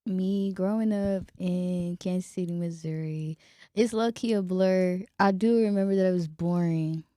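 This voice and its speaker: A woman's voice: lowish voice, steady tone, measured pace, dark tone, dry recording, clean studio sound. A woman from Central Texas, a guest artist, speaking in a laid-back, matter-of-fact way. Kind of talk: casual conversation.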